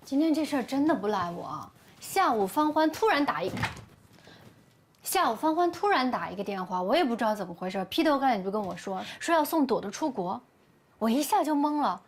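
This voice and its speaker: An actress playing a middle-aged wife and mother, explaining herself in a rapid, flustered way. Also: on the high side, very animated, husky. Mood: defensive.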